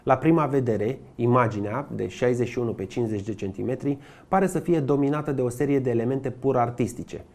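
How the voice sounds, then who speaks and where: A man giving scripted documentary narration with a measured, even delivery. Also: mid-range voice.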